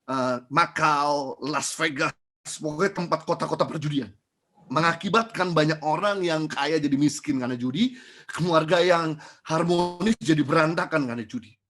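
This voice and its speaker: A middle-aged man, a pastor, tells a testimony in a sermon, swinging from high, loud bursts to low, quiet lines as he speaks to the congregation. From Indonesia. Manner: addresses the congregation directly.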